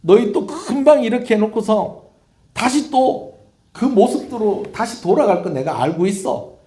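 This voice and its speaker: Hurt, fed-up fatherly God, raised and emphatic, a man doing it, dark tone, echoey church. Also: high-pitched, expressive, normal speed, pitched above the performer's own voice. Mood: exasperated. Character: exasperated God speaking as a wounded father.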